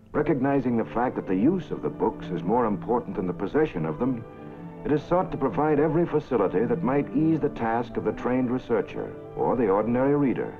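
A man narrating an old newsreel in a formal, measured announcer delivery, with the sound of an old film soundtrack. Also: fairly low pitch. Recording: tinny lo-fi 1940s film soundtrack with music.

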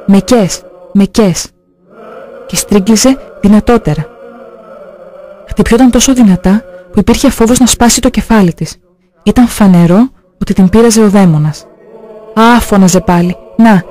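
A man slowly and solemnly reading out religious testimonies. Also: high voice, dark tone.

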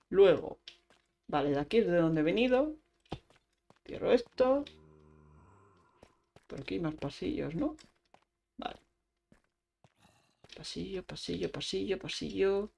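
A woman's voice: on the low side, vocal fry. A young woman, chatting through a live gameplay stream and narrating every action with little sound effects. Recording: faint background noise with clicks.

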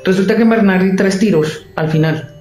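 A man's voice: sits high, brisk, echoey room, soft background music. A man, a theater director retelling events in an interview and acting out the voices of others. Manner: animated, acts out the voices of others. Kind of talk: storytelling interview.

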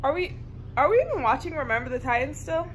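A young woman vlogging at a party, giggly and playful, quick to joke. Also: high voice, animated, slight background noise. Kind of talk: casual vlog chat. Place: at a house party, indoors and out.

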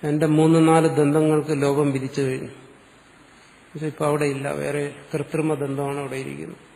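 A man's voice: a little high, little pitch movement, brisk, vocal fry, darkish tone, big-room sound. A man with a Malayali accent teaching grammar, explaining step by step and putting questions to the class. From Kerala, India. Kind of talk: classroom lecture.

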